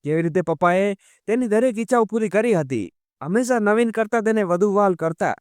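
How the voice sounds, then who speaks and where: A man narrating a scripted story in a steady, measured storytelling manner. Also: sits high, no room sound, studio quality.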